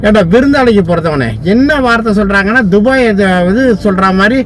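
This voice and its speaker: A man's voice: sits high, expressive, a little fast, slight background noise. A man from Tamil Nadu, a lawyer, delivering a furious, abusive political rant full of insults.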